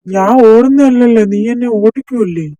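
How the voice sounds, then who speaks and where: Teasing college senior in an amateur dub drama, voiced by a young man: mock-scolding banter, mellow and dry. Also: a little high, fairly quick, no echo, close to an everyday voice, rough recording. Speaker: fan dub voice actor. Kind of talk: amateur dubbed romance drama.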